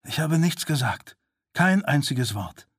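A man's voice: a little high, very animated, a little slow, breathy edge, no echo, clean studio sound, voice pushed up, full character voice. A man voicing a desperate young male agent, speaking urgently and earnestly in a raised voice. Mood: insistent.

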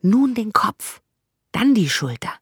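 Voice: medium pitch, very animated, takes it slowly, slightly rough, no room sound, studio quality, voice pushed up, full character voice. A narrator voicing a bold, fearless young girl who urges a boy on in an audiobook. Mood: coaxing. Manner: urging, bright and teasing. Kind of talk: audiobook character voice.

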